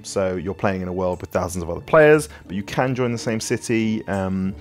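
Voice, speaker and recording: A man's voice: low voice, moderate pace, faint music behind. A man, a game developer, answering community questions in a casual chat, rambling through his explanations with lots of ums and you-knows.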